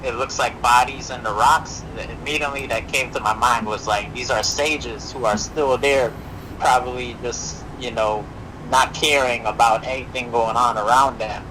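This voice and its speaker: A man's voice: mid-range voice, fairly even intonation, normal speed. A male caller on a phone-in show, talking casually with many fillers, his call played through a speaker into the host's microphone. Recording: noisy call heard from a distance through a speaker.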